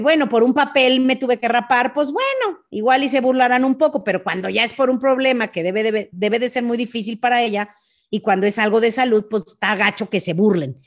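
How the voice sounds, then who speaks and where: A Mexican woman hosting a podcast, telling a story in a relaxed, chatty way, with a slightly higher voice. She acts out the punches with sound effects and keeps throwing in quick asides. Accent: Mexican Spanish. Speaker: podcast host. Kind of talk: casual storytelling monologue.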